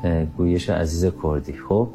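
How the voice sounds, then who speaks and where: A man hosting an interview, calmly asking probing questions and explaining words. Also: low-pitched, soft background music. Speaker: interviewer host.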